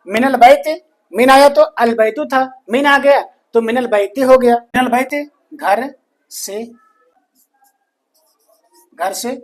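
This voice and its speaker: A man teaching a grammar lesson, slowly repeating each phrase and answering his own questions. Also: extremely high pitch, steady tone. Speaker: Arabic teacher.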